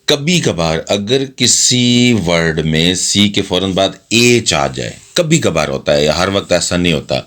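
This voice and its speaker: A man teaching English letter sounds, spelling out example words slowly and deliberately. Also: low voice, sharp tone. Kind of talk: phonics lesson.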